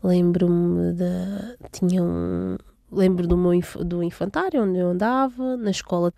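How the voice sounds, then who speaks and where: Mellow-voiced young woman recalling her childhood. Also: lowish voice, steady tone, unhurried, vocal fry, dry recording, studio quality. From São Tomé and Príncipe. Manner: hesitant, many fillers and restarts. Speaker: interviewee. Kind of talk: casual personal recollection.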